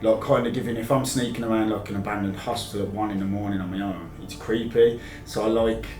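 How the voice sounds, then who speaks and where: A man's voice: on the low side, steady tone, quick pace, a little mellow, a little hiss or hum. A man in his thirties with an English accent, telling anecdotes in an informal, matey, rambling way as an interview guest. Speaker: podcast guest, live-streamer. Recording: roomy, distant sound with music behind.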